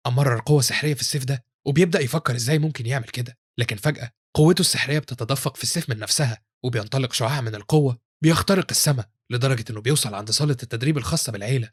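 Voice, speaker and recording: A man with an Egyptian Arabic accent narrating a story recap in a rapid, matter-of-fact way. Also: medium pitch, husky, dry recording, studio quality.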